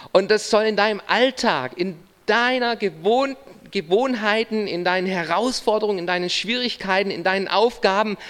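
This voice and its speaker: A man's voice: high-pitched, fairly bright tone. A man in his thirties, a pastor preaching a sermon earnestly, speaking straight to the listener in short phrases. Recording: long reverb of a large hall.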